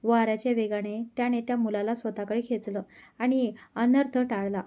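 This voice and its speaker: A woman narrating an emotional love story in a steady, scripted storytelling manner. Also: on the high side, moderate pace.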